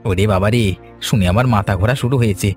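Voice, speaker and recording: A man's voice: lowish voice, fast talker, natural voice. A man voicing a greedy, eager accomplice in a cartoon, fawning over his crooked partner. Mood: excited. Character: greedy excitable male accomplice, crooked buyer. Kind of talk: animated cartoon voice acting. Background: faint music.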